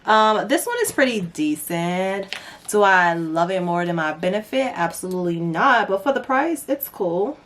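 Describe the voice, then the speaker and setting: A woman's voice: lowish voice, lively intonation, moderate pace, a bit bright, slight background noise. A young woman talking through a makeup tutorial in a casual, chatty way, with playful asides to her viewers. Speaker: beauty vlogger.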